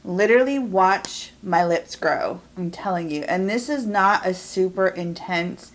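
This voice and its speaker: Bubbly, rambling young woman vlogger. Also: on the low side. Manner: bubbly, rambling, quick bursts of speech. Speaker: beauty vlogger. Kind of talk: chatty get-ready-with-me vlog.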